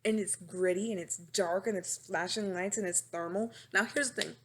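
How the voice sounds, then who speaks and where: With slight background noise, a woman with a fairly low voice talks at normal speed on her own casual podcast, recorded via webcam mic at home. In her twenties, she's animated and dramatic, rambling and laughing at herself.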